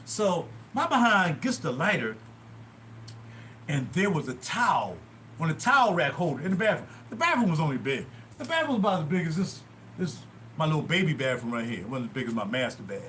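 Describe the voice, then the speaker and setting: An older man in his sixties tells rambling stories on a livestream, his voice rising and falling in lively swings. His pitch sits a touch high for a man. He wanders off on side stories as he talks from a small bathroom at home. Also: fairly quick, slight background noise. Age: 60s. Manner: rambling, animated, digressive. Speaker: livestream host. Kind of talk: casual storytelling.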